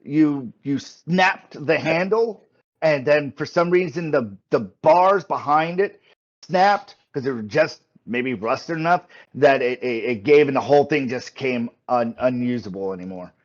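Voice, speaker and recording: Halting male game master, slightly muffled. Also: mid-range voice, expressive. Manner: halting, repeats words while explaining. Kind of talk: improvised tabletop game narration.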